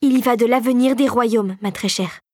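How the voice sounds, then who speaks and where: A woman's voice: on the high side, normal speed, mellow, dry recording, studio quality, lightly acted. A woman voicing a scheming fairy regent who speaks in an unctuous, silky voice, in an audiobook. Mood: silky menacing. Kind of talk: audiobook character voice.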